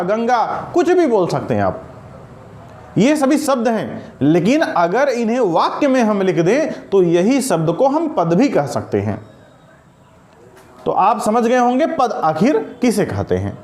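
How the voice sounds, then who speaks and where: Guy with a really high voice teaching a grammar lesson, asks stuff then answers it himself, echoey room. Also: a little mellow. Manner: repeats key sentences slowly.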